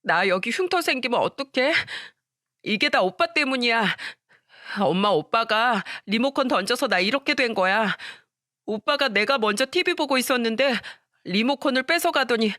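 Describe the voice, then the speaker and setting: A woman's voice: lively intonation, moderate pace, bright, forceful tone, no room sound, studio quality. A woman putting on a tearful schoolgirl. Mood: tearful pleading. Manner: high, pleading and tearful. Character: young schoolgirl, hurt and complaining to her mother. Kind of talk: storytelling radio.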